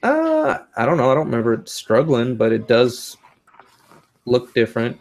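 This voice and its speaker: Brief: man, gaming podcast co-host, crude jokey banter, mid-pitched. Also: huge pitch swings, normal speed. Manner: profane, joking, laughs often. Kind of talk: casual gaming chat.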